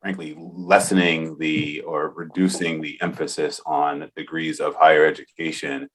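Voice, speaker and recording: A man in his forties hosts a podcast interview in an earnest, enthusiastic way, thinking out loud as he goes. His voice sits very low. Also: flat delivery, normal speed. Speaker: podcast host. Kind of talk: casual interview conversation.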